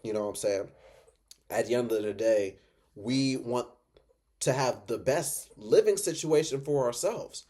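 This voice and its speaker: A man's voice: mid-range voice, unhurried, warm tone. Drunk man on an impassioned rant. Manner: emphatic, repetitive, rambling. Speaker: reaction video host.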